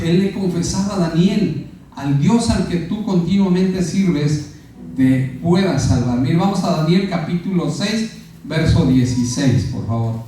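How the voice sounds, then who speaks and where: A man's voice: fairly high pitch, mellow, a little hiss or hum. A man with a Mexican accent preaching a sermon as pastor, often putting questions to his congregation. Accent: Mexican Spanish. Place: church sanctuary. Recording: echoey church hall from far off.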